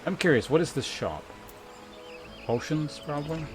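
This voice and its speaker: A man streaming a game rambles casually and reads out chat, mixing dry sarcasm with free swearing as game music plays. His voice is a little high, with lively intonation and a normal pace.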